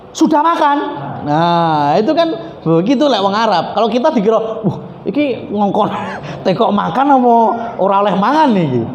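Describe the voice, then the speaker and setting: A male preacher with a Javanese accent giving an animated, joking religious study lecture, slipping into Javanese and Arabic recitation. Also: on the high side. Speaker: Islamic preacher. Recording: echoey hall, faint background noise.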